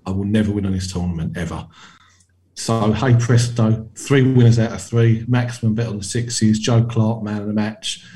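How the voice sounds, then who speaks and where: Man, lowish pitch, relaxed dark tone, casual betting tipster. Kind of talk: casual panel chat.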